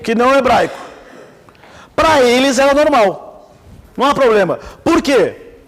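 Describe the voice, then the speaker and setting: Unhurried and extremely high in pitch, a man's voice fills the space with a big-room sound. He teaches Islamic theology informally in a Brazilian accent, relating stories with energy and putting questions to the class.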